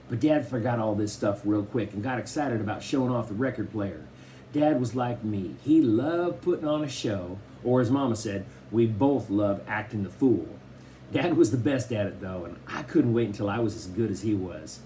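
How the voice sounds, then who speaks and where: A man narrating a novel in first person with expressive storytelling. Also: mid-range voice, a little hiss or hum. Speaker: audiobook reader.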